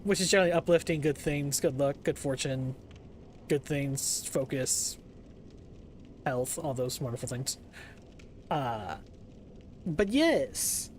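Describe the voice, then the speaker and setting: A man's voice: medium pitch, expressive, takes it slowly, long pauses, a little hiss or hum. A man chatting casually on a live gaming stream as its host, playful and jokey with theatrical greetings. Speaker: variety gaming streamer and VTuber.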